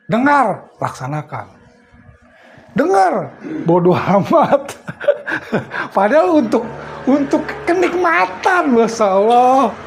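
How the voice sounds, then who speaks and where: A middle-aged man giving a casual religious study talk, telling stories and laughing often. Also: high-pitched. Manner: chatty storyteller, often laughs. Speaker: preacher.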